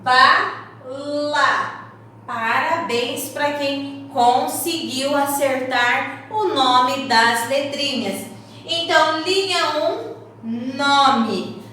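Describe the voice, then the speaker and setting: Slow sing-song teacher, echoey room. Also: female voice, sits high, pushed and bright, slight background noise. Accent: Brazilian Portuguese. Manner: slow, sing-song and encouraging, spelling out letters. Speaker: kindergarten teacher. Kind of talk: slow remote phonics lesson for young children. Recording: very echoey room, slightly distant mic.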